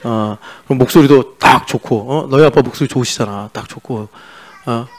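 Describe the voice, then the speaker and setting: A man's voice: mid-range voice, normal speed. A male pastor preaching a sermon in a chatty, joking way, teasing his congregation. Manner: mixes in sung-style English lyric lines. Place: church sanctuary.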